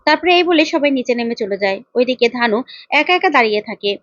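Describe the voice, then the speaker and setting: Woman storyteller, high-pitched, casual serial recap acting out each character's lines; dry, muffled home recording. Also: animated, quick pace, a bit bright. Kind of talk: casual spoken story retelling with acted dialogue.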